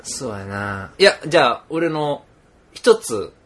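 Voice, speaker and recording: Young man, Kansai accent, laid-back teasing podcast chat, expressive pitch. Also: slow pace. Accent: Kansai Japanese. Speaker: podcast co-host. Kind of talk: casual chat.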